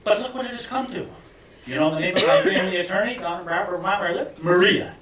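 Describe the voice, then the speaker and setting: A man in his seventies doing a stand-up routine for fellow alumni, telling tongue-in-cheek stories with deadpan punchlines. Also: high voice, racing, recorded from a distance. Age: 70s. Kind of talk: stand-up comedy. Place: reunion event hall with audience. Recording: echoey room miked from afar, crowd laughter.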